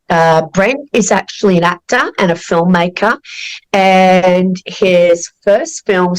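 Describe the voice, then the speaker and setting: An Australian woman hosting a podcast interview, speaking deliberately with frequent fillers and restarts. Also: fairly low pitch, low-quality recording. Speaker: podcast host.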